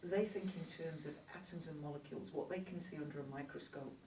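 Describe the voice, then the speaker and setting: A spiritual healer from Yorkshire, England, talks to a live audience in a chatty, reassuring way, laughing easily, in her Yorkshire accent. Her voice is low, mellow, fast and fairly even, picked up from afar in an echoey hall with a little hiss or hum.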